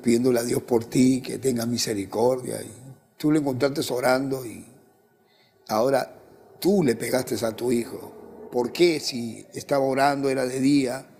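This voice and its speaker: A man's voice: mid-range voice, gravelly, a little mellow, slightly rough. A man with an Ecuadorian Spanish accent, a pastor leading a church testimony interview in a preacherly way, quoting scripture and guiding his guest.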